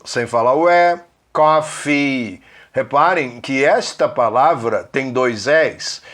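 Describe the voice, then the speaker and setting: A man with a Brazilian Portuguese accent teaching an English lesson, explaining slowly and checking in often with the learner. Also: a little high. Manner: patient, repetitive, checks in with "né?" and "ok?".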